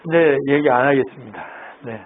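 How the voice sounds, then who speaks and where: A man's voice: mid-range voice, normal speed. A male pastor preaching in a chatty, teasing way, often putting questions to his congregation. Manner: conversational, quizzes the congregation, teasing and playful. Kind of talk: sermon. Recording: tinny phone-like band, faint noise.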